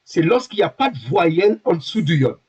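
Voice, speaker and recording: A man teaching a beginner Hebrew class, halting and correcting himself, patiently checking that his students understand. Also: high voice, big pitch swings, a little mellow, husky, muffled recording.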